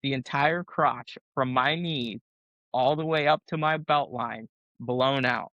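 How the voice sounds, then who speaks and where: A man with a bright, forceful voice tells a rowdy army story with profanity and laughter. The sound is dry and a little dull. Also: medium pitch, takes it slowly, no room sound. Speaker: podcast guest, Army veteran. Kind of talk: casual storytelling.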